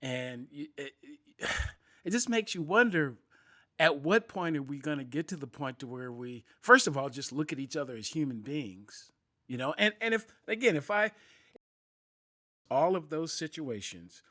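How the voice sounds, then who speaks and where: A man with a fairly high, bright and forceful voice hosts a podcast interview. He speaks reflectively and haltingly, often repeating his words as he thinks. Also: animated. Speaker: podcast host. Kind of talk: interview conversation.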